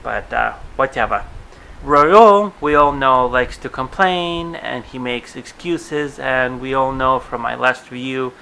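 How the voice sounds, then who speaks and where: A man with a Russian accent talks through a casual recap vlog at an unhurried pace. His voice is bright and forward, and he rambles with frequent asides. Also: medium pitch, vocal fry, a little hiss or hum, rough recording. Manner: rambling, chatty, sidetracked asides. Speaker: vlogger reviewing a TV show.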